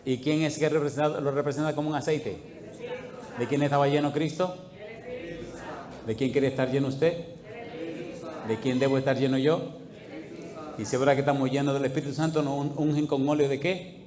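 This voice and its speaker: A male pastor preaching a sermon, firing questions at the congregation and swinging between loud appeals and hushed asides. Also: mid-range voice, fairly even intonation, fairly quick, long pauses, crowd noise.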